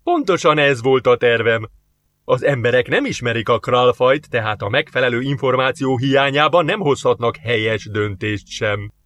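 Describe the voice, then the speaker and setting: A man voicing a scheming male alien diplomat in an audiobook, formal and calm, quoting rules. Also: mid-range voice, no room sound, natural voice. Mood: smug.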